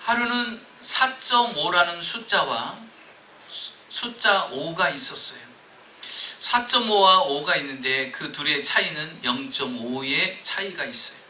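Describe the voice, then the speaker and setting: A man's voice: on the high side, lively intonation, a little slow, bright, forceful tone, echoey room, recorded from a distance, a little hiss or hum, low-quality recording. A man preaching a sermon as pastor, telling stories and joking with his congregation. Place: church sanctuary.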